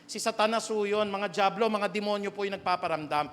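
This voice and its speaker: High-pitched Filipino preacher in an echoey hall. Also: male voice, fairly quick. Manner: preaches in Tagalog with English phrases, rising to loud emphatic calls. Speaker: pastor. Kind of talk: sermon. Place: church sanctuary.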